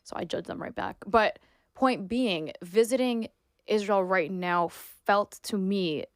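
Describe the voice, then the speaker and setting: A woman in her twenties from New York talks as a podcast guest, opinionated and emphatic, with "like" sprinkled through her sentences. Her voice sits at a middle pitch, and it is recorded close and dry with no room sound. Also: slow pace, no echo. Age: 20s. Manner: emphatic, opinionated, frequent "like" fillers. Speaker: guest, sports reporter and influencer. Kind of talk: casual interview talk.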